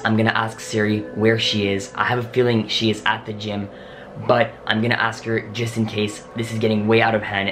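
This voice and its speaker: A man's voice: on the low side, noisy background. A young adult man talking urgently and dramatically to camera as a vlogger in a small home office, with exclamations and sighs. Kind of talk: dramatic paranormal challenge vlog. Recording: home room with music behind.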